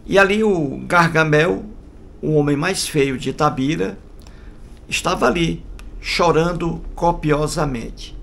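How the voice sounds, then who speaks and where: A man's voice: a little high, slow, creaky, a bit bright, a little hiss or hum. A man casually telling a long joke, rambling and repeating himself with folksy asides. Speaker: joke storyteller.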